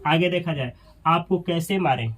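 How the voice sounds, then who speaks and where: A man's voice: on the high side, normal speed, a bit bright, slightly rough. A man teaching an English grammar lesson, asking questions and repeating the class's answers.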